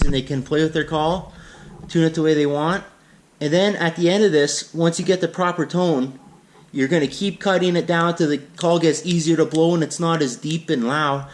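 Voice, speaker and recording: A man giving a casual, plain-spoken, unscripted hands-on tutorial as an instructor. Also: on the high side. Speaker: instructor in a how-to demonstration.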